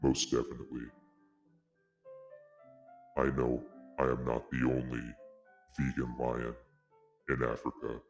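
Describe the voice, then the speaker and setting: A secretive vegan lion, a male podcast guest hiding his identity, disguised by a voice changer that drops his voice to an extremely deep, flat rumble. His delivery is slow and halting, each phrase weighed with solemn care. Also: vocal fry, soft background music, heavily acted. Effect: voice changer pitching the voice very deep.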